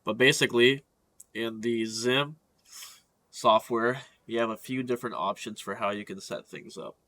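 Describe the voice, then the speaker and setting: A man with a cold and a stuffed-up nose, explaining a gaming setup in a casual, halting walkthrough with frequent fillers. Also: mid-range voice, pushed and bright.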